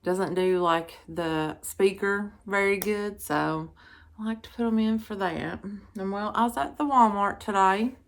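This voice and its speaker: A woman's voice: medium pitch, measured pace, creaky. A middle-aged woman vlogger chatting casually in a rambling way, then reading a devotional aloud. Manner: chatty, rambling, with many "like" fillers.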